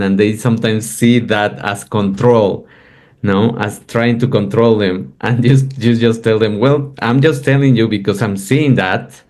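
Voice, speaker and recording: Slow, low-voiced thoughtful man. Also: darkish tone. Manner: thoughtful, hesitant, many fillers. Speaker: podcast guest. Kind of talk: casual conversation.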